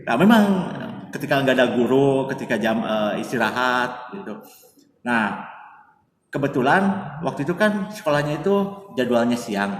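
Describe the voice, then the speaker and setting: A man's voice: mid-range voice, normal speed, a bit bright. A man telling a story as a guest in a casual interview, chatty, speaking of himself by his own name, with many fillers. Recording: echoey distant room with faint noise.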